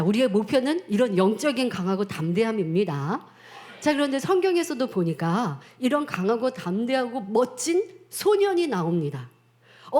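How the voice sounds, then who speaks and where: A woman pastor giving a children's sermon, telling a story in an animated way and addressing the children directly. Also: mid-range voice.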